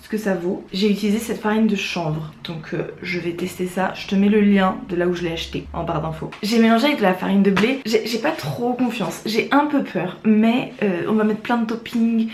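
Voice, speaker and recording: A woman hosting a vlog, chatting casually to the camera in an informal, expressive way with frequent exclamations. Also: medium pitch, fairly quick, few pauses. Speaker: vlog host. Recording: roomy echo, clear background noise.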